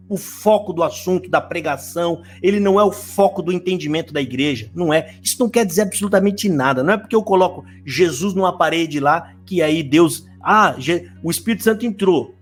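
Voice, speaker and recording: A man with a Brazilian Portuguese accent, hosting a live stream and delivering a fast, preachy, argumentative rebuttal. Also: a little high. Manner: argumentative, rapid-fire, preachy. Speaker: live-stream host, evangelical critic.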